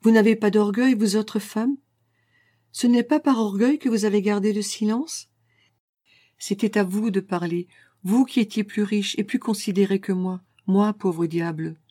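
Ardent, proud young man read by a woman, warm mellow voice, dry sound. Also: medium pitch, unhurried, dry recording, lightly acted. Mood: impassioned.

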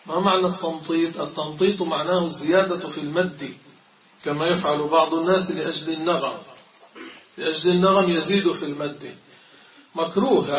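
A middle-aged man gives a religious lesson on Quran recitation, reciting examples aloud and answering his own questions. His voice sits a little high. The recording is dull and lo-fi, with the speaker set well back from the mic in a reverberant space. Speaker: sheikh teaching a religious text. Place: mosque. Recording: echoey, distant, dull lo-fi recording.

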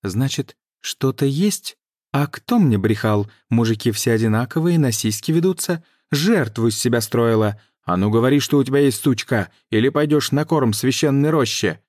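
A harsh, bossy priestess woman, as a male narrator puts her on, scolding with loud menace in a raised voice. The reading is close and dry. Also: mid-range voice, expressive, moderate pace, no room sound, pitched above the performer's own voice, close to an everyday voice. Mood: menacing scolding. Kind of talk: audiobook reading.

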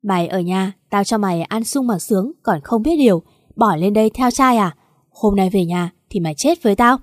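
A brutish young ex-husband, coarse and menacing, voiced by a woman reading the story. His lines come loud and close, with no room sound. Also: sits high, expressive, brisk, no room sound. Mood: abusive. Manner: coarse, threatening. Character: abusive, arrogant ex-husband, young man.

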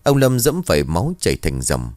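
A man's voice: deep voice, wildly swooping pitch, fairly quick, a little mellow, no echo. A man narrating a ghost story in a dramatic storytelling way.

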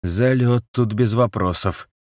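In a clean studio recording with no echo, a man reads an audiobook, his medium-pitched voice unhurried and a little mellow, raised above his natural register yet still close to an everyday sound. He's voicing a wounded male captive, mocking and unrepentant, whose broken jaw is wired shut, and he gives him a lazy, sneering manner.

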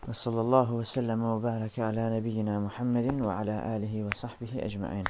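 A man's voice: lowish voice, little pitch movement, fast talker, darkish tone. A man teaching a language lesson, explaining and correcting step by step, recorded on an old worn cassette. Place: recorded class session with a board. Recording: muffled, noisy old cassette tape.

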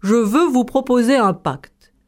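A woman voicing an older male schoolteacher, calm and reasoning, in a storytelling performance. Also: fairly high pitch, unhurried, close to an everyday voice. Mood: persuasive.

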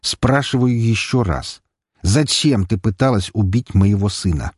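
A man reading an audiobook, voicing a stern aristocratic count who speaks slowly and with threat. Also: sits low, expressive, dark tone, husky, no echo, clean studio sound. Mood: menacing. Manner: slow, threatening, grave. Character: stern, menacing aristocratic count, older father. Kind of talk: audiobook character voice.

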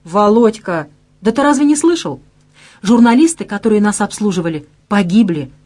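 A woman's voice: mid-range voice, animated, normal speed, a little mellow, close to an everyday voice. A woman reading an audiobook and voicing a brash, gossipy young female office designer. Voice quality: brash, slangy.

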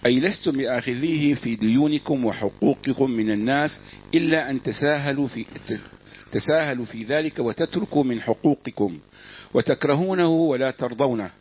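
A man reading a classical religious commentary aloud in measured, formal recitation. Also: slight background noise. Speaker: student reading the text aloud. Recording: dull dry low-fi recording.

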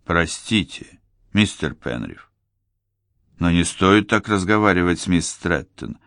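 A man reading an audiobook voices a composed lawyer who speaks calmly, politely and firmly. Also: low voice, dry recording, studio quality, heavily acted. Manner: calm, measured and firm. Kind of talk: audiobook character voice.

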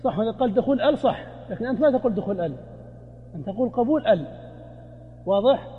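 High male teacher voice, patient explainer who drills his class, recorded in a reverberant lecture hall. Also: lively intonation, fast, phone-quality sound, slight background noise. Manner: quizzes students with short prompts, then explains patiently. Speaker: Islamic grammar teacher. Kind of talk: interactive classroom lesson.

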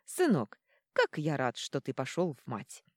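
A woman voicing a middle-aged king and father with a booming, teasing manner. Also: huge pitch swings, measured pace, husky, no room sound, studio quality, full character voice.

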